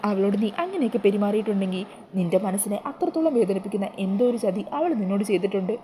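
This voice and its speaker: A woman's voice: medium pitch, animated, rapid-fire, warm tone, a little hiss or hum, close to an everyday voice. A woman voicing an outspoken elderly grandmother in a retold TV serial. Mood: commanding. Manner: blunt, commanding. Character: blunt elderly grandmother, head of the house.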